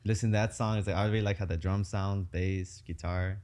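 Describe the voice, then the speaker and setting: Low-ish voiced guy in his 20s hosting a podcast, laid back, lots of "like". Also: a little fast. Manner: relaxed, heavy use of filler words. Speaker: podcast host. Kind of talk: casual interview chat.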